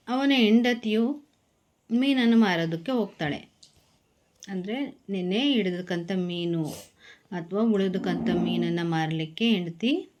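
A woman teacher reading a children's story aloud slowly and then explaining it to young pupils. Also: medium pitch, darkish tone. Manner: slow, clear storybook reading with repeated calls.

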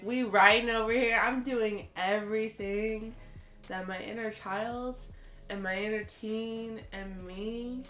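In a reverberant recording, a woman in her late twenties with a fairly high voice and a slightly blocked nose speaks frankly to camera as a vlogger. She's in her bedroom with hanging lights, unhurried and earnest, expressive, often breaking into laughter.

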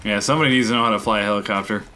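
A man's voice: fairly low pitch, rapid-fire, bright, forceful tone. Easygoing laughing man playing games. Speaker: gamer. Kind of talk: casual co-op gameplay commentary.

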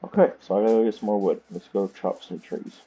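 A gaming series host with a Southern US accent rambles casually to himself while giving gameplay commentary. His voice is lowish, quick and warm. The home recording is clearly noisy and has clicks.

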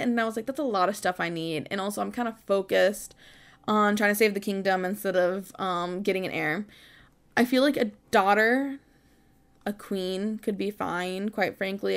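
A woman gives casual commentary while playing a game. She talks informally and self-deprecatingly, in a medium-pitched voice. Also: normal speed, gravelly, a bit bright. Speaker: gaming video host.

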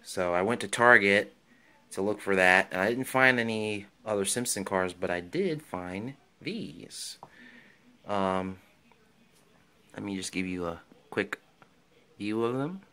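Man, casual vlog, enthusiastic rambler, fairly low, clear, bright voice. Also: animated, slow pace, pauses often. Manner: rambling, enthusiastic, many ums and restarts. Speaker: toy car collector vlogger. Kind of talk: casual show-and-tell vlog.

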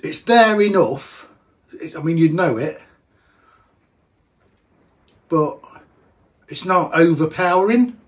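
A man's voice: fairly high pitch, expressive, slow pace, long pauses. A man, chatting casually as he tastes a homebrewed beer in a small home brewing room, thinking aloud with plenty of fillers. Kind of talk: casual tasting vlog.

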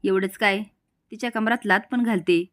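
A woman retells a drama serial scene by scene, at a middle pitch and in plain storytelling. Now and then she turns to speak to her listeners directly. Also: steady tone, normal speed. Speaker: serial recap narrator. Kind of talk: narrated drama recap.

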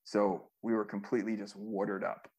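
A man with a somewhat low, gravelly voice talks through an interview as a former music manager. He tells his stories loosely and profanely, with plenty of fillers and restarts. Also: level tone, a little fast, a little mellow. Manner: loose, profane storytelling with many fillers and acted quotes. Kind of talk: casual storytelling interview.

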